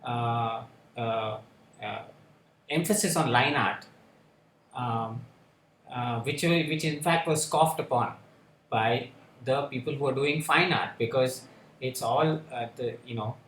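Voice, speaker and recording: A man speaking on a panel discussion, halting and full of fillers and restarts. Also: mid-range voice, a bit bright, a little hiss or hum. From India. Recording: echoey room with faint ambience.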